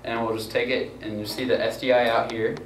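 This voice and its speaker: A young man with a medium-pitched voice and brisk pace demonstrates a gear setup for a student crew tutorial, speaking loosely with lots of fillers and "gonna go ahead." The casual how-to is picked up by a far-off mic in an echoey room. Constant background noise sits under him.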